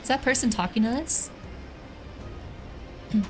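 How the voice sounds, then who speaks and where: A woman streamer chatting casually while she plays a game, playful, cutesy and quick to apologize. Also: a little high, a little mellow, faint music behind. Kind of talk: casual gaming livestream chat.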